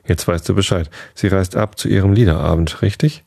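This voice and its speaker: A man voicing a playful, lanky grown man who teases with sing-song quiz questions, his voice lifted above his own low, gravelly tone. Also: a little fast, darkish tone, no echo, studio quality. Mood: teasing.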